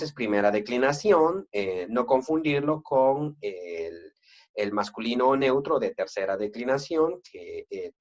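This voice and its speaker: A man with a Central American Spanish accent teaching Greek grammar in an online lesson, patient and halting, with many fillers and self-corrections. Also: medium pitch. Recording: dull lo-fi recording.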